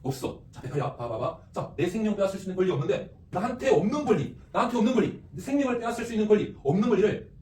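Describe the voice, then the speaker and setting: A man teaching an ethics class, lively, repeating phrases and quizzing his students. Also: high voice, very fast. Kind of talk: classroom lecture with questions to students. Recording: echoey room, distant mic, faint noise.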